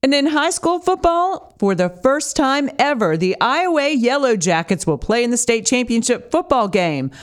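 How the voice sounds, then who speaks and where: A woman's voice: on the high side, very animated, normal speed, hardly any pauses. A woman radio anchor reading scripted news stories in a polished broadcast style.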